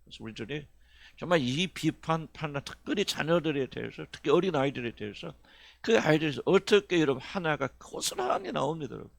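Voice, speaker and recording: A man's voice: fairly high pitch, sing-song, a little fast, creaky, dry recording. A middle-aged male pastor preaching a sermon in a folksy, conversational way, often asking the congregation questions. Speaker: senior pastor.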